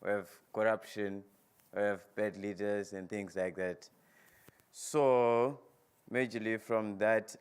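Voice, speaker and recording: Brief: young man, low smooth voice, slow and flat delivery. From Zimbabwe. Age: young adult. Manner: slow, deliberate. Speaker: senate nominee.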